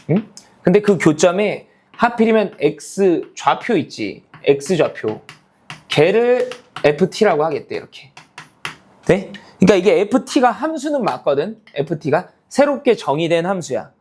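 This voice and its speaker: A man teaching a math lecture, explaining a graph step by step and constantly checking whether students follow with quick tag questions. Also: on the high side, darkish tone. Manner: calls himself teacher, half-casual speech.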